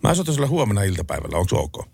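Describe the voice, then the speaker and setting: A man hosting late-night radio in a studio, chatting casually and acting out a story with loud, animated phone-call voices. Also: on the low side, vocal fry, breathy edge. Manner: animated storyteller, acts out phone calls loudly. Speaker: radio host. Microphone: studio microphone.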